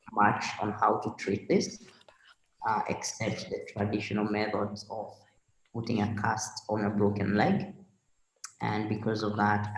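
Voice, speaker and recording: A Kenyan man speaking slowly and carefully, pausing often between thoughts. His lowish voice carries a rough, gravelly edge. The sound comes over a video call from a roomy, echoing space. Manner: slow, measured, with many pauses and fillers. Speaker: interview guest. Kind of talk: remote video interview.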